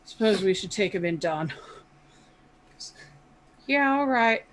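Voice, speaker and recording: A woman playing jumpy, gullible human guards in a tabletop game, with halting, startled questions. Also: medium pitch, lively intonation, fairly bright tone. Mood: relieved.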